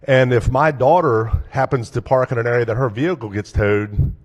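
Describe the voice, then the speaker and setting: A man's voice: medium pitch, normal speed. A man speaking as a senator, questioning a colleague in conversational floor debate. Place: legislative chamber. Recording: long hall reverb.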